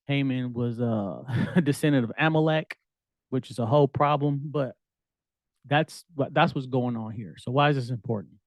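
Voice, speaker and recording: A man's voice: medium pitch, normal speed, no echo. A man, teaching a Bible lesson in a casual, conversational way with slang, reading verses aloud. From United States. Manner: conversational, street slang, reads scripture aloud.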